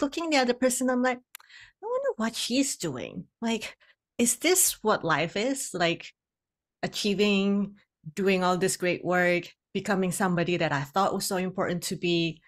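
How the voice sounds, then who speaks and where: A middle-aged woman from Indonesia, telling her story as a podcast guest over a video call, candid and often laughing between phrases. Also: medium pitch. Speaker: guest, hypnotherapist and coach. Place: home room, indoors. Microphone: podcast microphone on video call.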